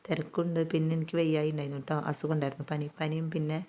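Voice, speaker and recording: Hoarse, chatty low-voiced woman. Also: flat delivery, racing, dark tone. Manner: chatty, homely, tags sentences with "tto". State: hoarse, recovering voice. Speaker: vlogger. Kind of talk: casual vlog narration.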